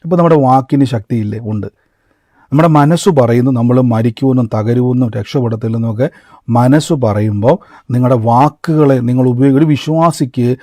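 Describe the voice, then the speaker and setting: A man's voice: mid-range voice, dark tone, no echo, studio quality. A man preaching a conversational sermon, telling a personal testimony and calling his listeners brother and beloved. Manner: storytelling, addresses listeners as brother and beloved, mixes in English words.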